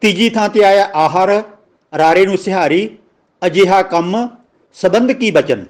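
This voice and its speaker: A man with a Punjabi accent giving a religious grammar lesson, slowly spelling out words and their pronunciation. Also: high voice. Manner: slow, deliberate, spells out words letter by letter. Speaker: teacher of scripture grammar.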